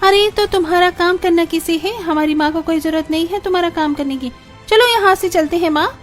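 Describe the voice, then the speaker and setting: A woman voicing a group of emotional young married daughters in an animated story, pleading and tearful by turns. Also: high-pitched, moderate pace, faint music behind, voice pushed up, lightly acted. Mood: angry.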